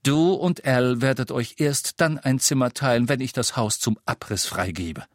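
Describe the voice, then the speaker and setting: A man voicing a calm, firm father seeing his sons off. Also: medium pitch, normal speed, no echo, clean studio sound, close to an everyday voice. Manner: firm, reassuring.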